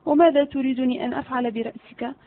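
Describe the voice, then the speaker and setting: A short-tempered, menacing vizier, as a woman reads him in a spoken storybook. The voice sits high, and the sound is thin and narrow, as if over a phone line. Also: fairly even intonation, fast. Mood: impatient. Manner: impatient, menacing. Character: irritable threatening male vizier, older.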